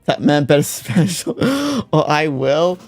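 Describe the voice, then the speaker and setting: A young man streams a game and reacts bluntly, cursing and laughing as he goes. His voice sits a touch high, with a gravelly fry and a dark, mellow tone. Faint music runs underneath. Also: fairly even intonation, unhurried. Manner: blunt, swears freely, laughs along. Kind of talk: casual gameplay commentary. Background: faint background music.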